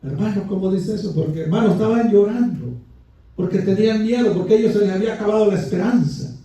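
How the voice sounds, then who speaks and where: A man's voice: high voice, fast, mellow. A man preaching a Pentecostal sermon with fervent delivery, often calling his listeners brother, heard from some distance in a church. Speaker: pastor. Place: church sanctuary. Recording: echoey church from far off.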